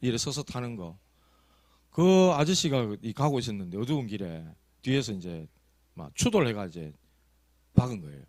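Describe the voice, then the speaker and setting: Storytelling Korean pastor with lively pitch. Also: male voice, normal speed, dry recording. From South Korea. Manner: storytelling, conversational with rising emphasis. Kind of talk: sermon. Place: church sanctuary.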